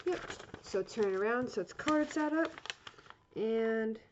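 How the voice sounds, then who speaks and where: With a voice on the high side and a slightly slow pace, an origami instructor chats her way through a casual craft tutorial. She rambles, apologizes often, and keeps correcting herself, all captured in dull lo-fi sound with constant noise.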